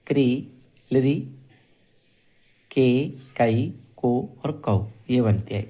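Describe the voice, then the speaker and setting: Male teacher, mid-pitched, patient drilling pace, repeats each syllable. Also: a little mellow. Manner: slow, drilling sounds one by one, repeating syllables. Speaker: Sanskrit teacher. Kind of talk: classroom grammar lesson.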